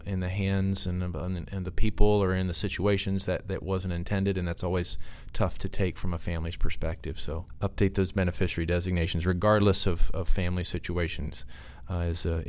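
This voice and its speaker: A man giving off-the-cuff expert advice as a podcast guest, halting and repeating words as he explains. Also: sits low, a little mellow, clean tone. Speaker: podcast guest, financial consultant.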